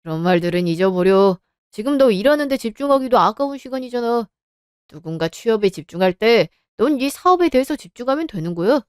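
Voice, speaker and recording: A woman's voice reading the part of a supportive middle-aged father who gently encourages his son, in a radio drama. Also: on the high side, expressive, a little fast, clear, resonant tone, dry recording, clean studio sound, close to an everyday voice. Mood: encouraging.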